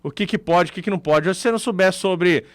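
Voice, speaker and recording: A man's voice: sits high, fast, no echo. A man with a Brazilian Portuguese accent, co-hosting a radio talk show and explaining his points with everyday examples.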